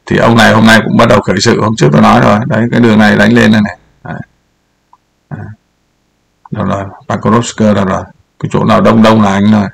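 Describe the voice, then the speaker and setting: A man's voice: fairly low pitch, little pitch movement, quick pace, gravelly, long pauses, breathy edge. An older man giving casual political commentary over a map, rambling and repeating words as he points things out.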